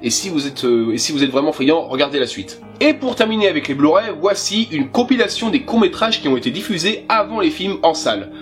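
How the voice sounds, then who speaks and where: A man's voice: on the high side, sing-song, a little fast, few pauses, a bit bright, soft background music. A man chatting casually and with enthusiasm as he shows his film collection, with a few fillers. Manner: self-conscious about his English pronunciation. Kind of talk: casual presentation.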